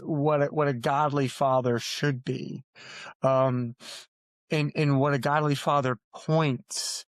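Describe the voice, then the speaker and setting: A man with a medium-pitched voice appears as an author guest on a podcast, speaking earnestly and repeating phrases for emphasis. The recording has no room sound.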